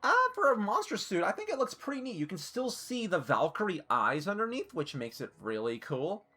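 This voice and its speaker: A woman's voice: lowish voice, sing-song, a little fast, a bit bright, breathy edge, faint music behind. A woman live-streaming, chatting casually and swearing freely while she ranks costumes, hiccuping and a little flustered.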